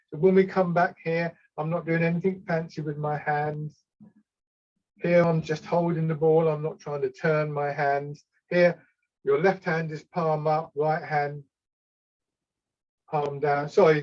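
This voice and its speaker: A man gives calm, unhurried step-by-step tai chi cues as an instructor, sometimes hesitating and correcting himself. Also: a little high. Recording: slightly dull, lo-fi sound.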